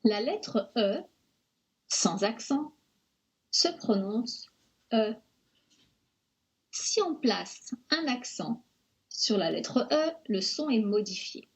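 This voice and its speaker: A woman narrating a French pronunciation lesson in a slow, careful, over-articulated way. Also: on the high side, sing-song.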